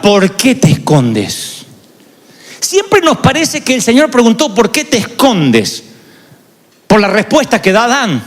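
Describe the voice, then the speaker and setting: A man's voice: extremely high pitch, a bit bright, in a large hall. A male pastor preaching a sermon, confessional and dramatic in his storytelling. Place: large church arena.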